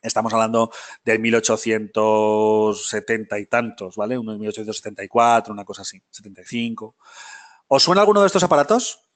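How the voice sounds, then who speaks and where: A man with a lowish voice teaches a live film history class, speaking fairly quickly and casually. He frequently checks in with his students and corrects himself as he goes, using lots of fillers.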